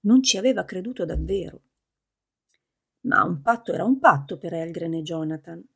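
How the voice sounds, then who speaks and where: A woman narrating a novel as an audiobook in a steady, measured reading. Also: fairly low pitch, creaky, slightly rough.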